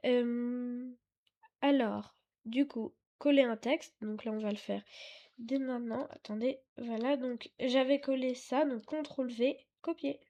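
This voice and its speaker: A woman hosts a casual screen-recorded tutorial, talking slowly and haltingly in a fairly high, steady, dark-toned voice. She is hesitant, with lots of fillers and self-corrections, yet apologetic and chatty. Her desktop mic is sometimes too far away.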